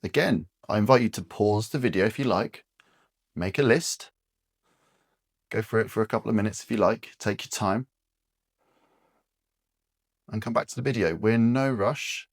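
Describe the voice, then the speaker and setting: A man guiding aphasia word-finding exercises as a speech therapist, speaking patiently and encouragingly with pauses. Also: fairly low pitch, no room sound, studio quality.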